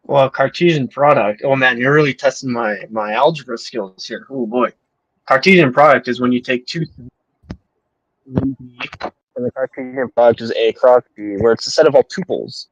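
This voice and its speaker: A man's voice: mid-range voice, normal speed, no room sound, lo-fi sound. A young man co-hosting a math chat over a video call, thinking aloud as he answers and adding jokey asides. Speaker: co-host answering questions. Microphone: video call mic.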